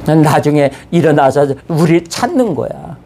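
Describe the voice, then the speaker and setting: A man's voice: fairly high pitch, animated, moderate pace, warm tone, a little hiss or hum. A male pastor preaching in a conversational way, acting out the dialogue of the story he tells. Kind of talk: sermon.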